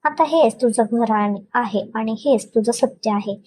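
A woman's voice: on the high side, unhurried, a little mellow, lightly acted. A woman reading the lines of a cold, domineering young husband in a storybook tale, speaking curtly and in command. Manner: curt, commanding.

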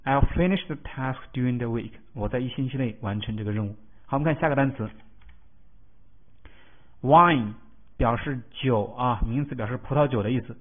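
A male teacher walks through English vocabulary in a recorded lesson, breaking words into roots and spelling out their letters. His voice sits at an ordinary middle pitch, and he often pauses to ask a checking question. The audio is thin and tinny, like a phone line.

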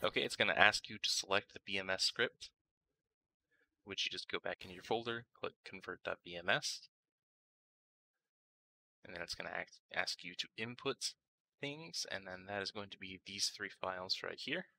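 A man hosts a software tutorial, talking through each step casually at a moderate pace with frequent pauses, as if thinking aloud. His voice is low and gravelly-edged, though very bright and forceful. The audio is poor.

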